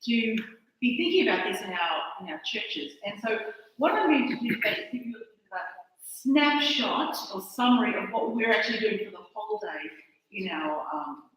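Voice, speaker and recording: An Australian woman with an Australian accent gives a chatty, self-deprecating conference talk that keeps halting and restarting. Her voice is a little high and fairly bright, with big pitch swings and a fairly quick pace, captured by a far-off mic in an echoey hall.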